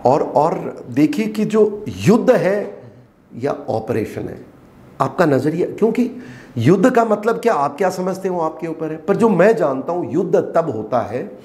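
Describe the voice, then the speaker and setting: A middle-aged man, a retired army colonel, explaining forcefully in an interview and firing off rhetorical questions. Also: fairly high pitch, big pitch swings, measured pace. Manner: emphatic, rhetorical questions, gets heated.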